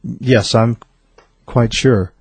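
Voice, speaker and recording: A man doing a calm, matter-of-fact biologist. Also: medium pitch, very slow, slightly rough, no room sound, full character voice.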